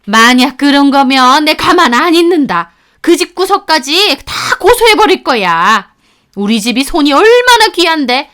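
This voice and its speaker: A woman voicing a domineering, quick-tempered older mother-in-law who scolds shrilly. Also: sits high, sing-song, a bit bright, exaggerated voice. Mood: threatening.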